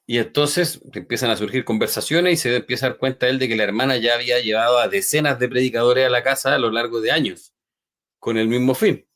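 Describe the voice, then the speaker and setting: Man, podcast host, lively storyteller, mid-pitched voice. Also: fast. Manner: animated retelling with checking questions. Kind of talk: storytelling in a faith discussion.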